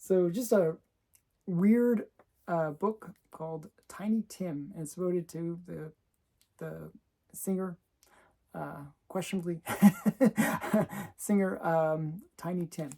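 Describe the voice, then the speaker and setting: A woman's voice: on the low side, slow pace, vocal fry, mellow. A woman comic collector chatting casually as she shows her collection, laughing often between remarks. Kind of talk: casual show-and-tell chat.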